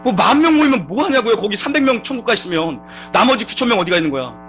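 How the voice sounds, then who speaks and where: A man preaching as pastor in a church, moving from chatty storytelling to loud, fervent exhortation. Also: high voice, very animated, very fast, soft background music. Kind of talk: sermon with humorous anecdote. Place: church sanctuary.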